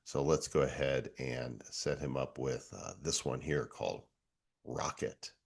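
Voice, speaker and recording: A middle-aged man hosting a tech show, walking through a demo in a relaxed, conversational way. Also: a bass voice, unhurried, creaky, slightly rough. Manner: relaxed, conversational, easily amused. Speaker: show host. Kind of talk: casual tech walkthrough.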